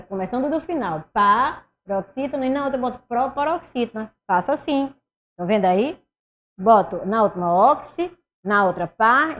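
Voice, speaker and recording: A woman leads a grammar lesson. Her voice sits a little high, and she keeps asking questions and then answering them herself. Her loudness rises and drops from one phrase to the next as she works through the answers. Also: dull audio. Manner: lively, rhetorical questions, swings loud and soft. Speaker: Portuguese teacher. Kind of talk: exam review lesson.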